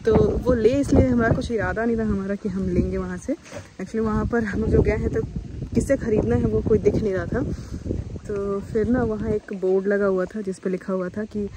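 A woman's voice: medium pitch, steady tone, normal speed. Chatty woman vlogging outdoors. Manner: chatty, explaining plans to the viewer. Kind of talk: casual travel vlog narration. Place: outdoors in a windy town and lakeside. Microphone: phone camera held at arm's length. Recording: outdoor noise behind the voice.

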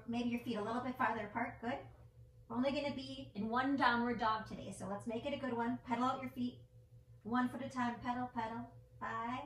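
A woman teaching yoga indoors with a slightly high voice, giving gentle, encouraging cues and counting down each pose. She sounds roomy and set back from the mic, with a faint hum of ambience behind her. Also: far from the mic. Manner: playful with her child. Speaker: yoga instructor. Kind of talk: guided family yoga class. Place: indoor room with a mirror and mat or carpet.

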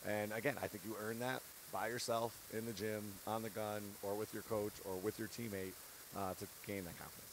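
Level in tone and fairly low in pitch, this man in his thirties, a head basketball coach, speaks a little fast into a handheld mic. His post-game interview at a courtside set in an empty arena is earnest and candid, broken by laughs between points, and the poor audio has a little hiss or hum.

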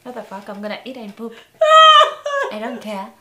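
A woman's voice: mid-range voice, steady tone, normal speed. A young woman with a Kenyan accent, giggly and drunk, chatting casually and rambling as she repeats her phrases. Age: young adult. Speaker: featured guest. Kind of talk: casual chat. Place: indoors, wood-panelled room. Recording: roomy echo, faint background noise.

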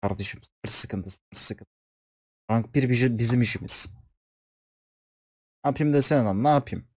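A man casually reacting to a video, relaxed, joking and slangy. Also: medium pitch, moderate pace, breathy edge, no echo, studio quality. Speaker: reaction streamer.

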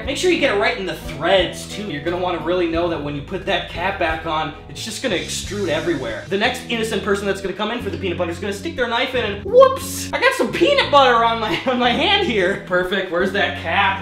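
A young man in his twenties hosting a sarcastic mock cooking show, talking with mock cheer and exasperation and yelling at his roommate. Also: sits high. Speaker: comedy host. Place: small home kitchen. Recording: echoey kitchen with background music.

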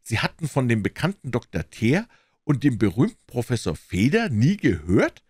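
Courtly evasive old asylum director, read by a man, lively swooping pitch, dry close sound. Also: normal speed, slightly rough, dry recording. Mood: insistent, courtly.

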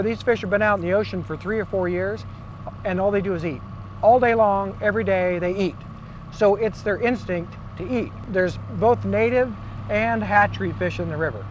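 On an open river boat, a man with a fairly high voice coaches calmly and patiently in his role as a fishing guide. He's picked up by a lapel mic, and the boat and water are clearly audible in the background. The recording quality is low, and he is from Oregon in the United States.

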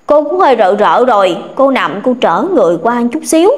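A woman's voice: a little high, sing-song, a little fast. A woman narrating a ghost story in a colloquial, dramatic way.

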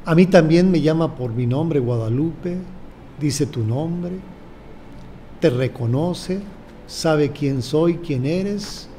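An older bishop with a Mexican Spanish accent gives a sermon at a slow, measured pace and keeps repeating phrases. His voice is fairly high yet dark in tone, with a little hiss or hum audible.

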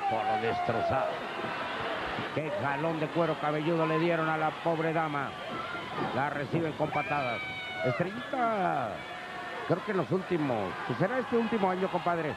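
A man's voice: on the high side, moderate pace. A man with a Mexican accent giving jokey, colloquial live wrestling commentary. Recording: noisy arena broadcast. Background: loud arena noise.

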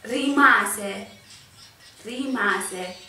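A woman's voice: medium pitch, drawn-out words, sharp tone. A young woman in casual playful chat, repeating short phrases word by word in a bedroom. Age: young adult. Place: small bedroom, indoors. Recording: echoey room, slightly distant, some noise.

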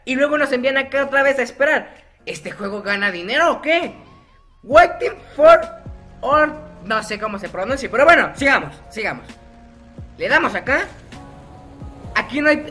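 A man's voice: very high voice, bright, forceful tone. A young man giving casual, self-mocking gameplay commentary, chatty and laughing often. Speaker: gaming YouTuber.

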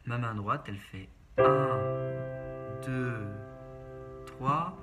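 A man with a medium-pitched voice speaks very slowly through a step-by-step piano lesson, using short instructions and naming each note individually. Keyboard piano plays over his voice.

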